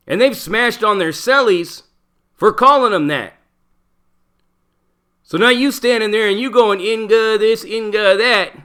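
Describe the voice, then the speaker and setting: A man's voice: sits high, sharp tone. A middle-aged man, a former prisoner, talking bluntly in a casual monologue full of profanity and street slang. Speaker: channel host, former prisoner.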